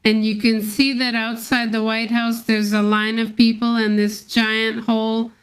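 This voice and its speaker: A woman's voice: fairly high pitch, flat delivery, measured pace, clear, resonant tone. A woman co-hosting a live stream, casually recounting comedy sketches and greeting viewers by name. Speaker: co-host of a live news stream.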